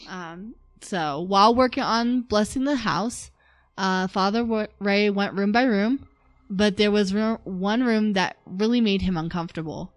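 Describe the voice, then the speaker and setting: A woman's voice: mid-range voice, unhurried, no room sound. Woman narrating a story, dry close sound. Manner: narrates from notes, chatty with laughs. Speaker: podcast host. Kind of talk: casual storytelling podcast.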